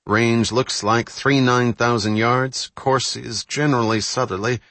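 A man's voice: medium pitch, steady tone, unhurried, a bit bright, dry recording, voice pushed up. A man voicing an earnest young naval ensign reporting precise figures. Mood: focused.

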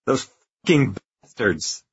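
An actor playing a terrified young lieutenant trapped on a stricken spaceship in an audio drama, halting, shaky and despairing. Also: male voice, medium pitch, big pitch swings, creaky, husky, lo-fi sound, full character voice. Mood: shocked, distraught.

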